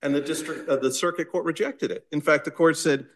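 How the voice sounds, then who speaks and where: A man with a Boston accent, an attorney making an oral argument before appellate judges in a measured, insistent way. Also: on the high side, steady tone. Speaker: attorney arguing an appeal.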